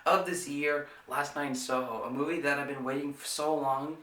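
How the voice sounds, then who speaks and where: A man's voice: a little high, steady tone, moderate pace, bright, forceful tone, distant mic. A man hosting a casual movie review vlog, talking eagerly and rambling with many fillers and restarts. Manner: eager, enthusiastic. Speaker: movie reviewer, channel host. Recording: roomy, away from the mic.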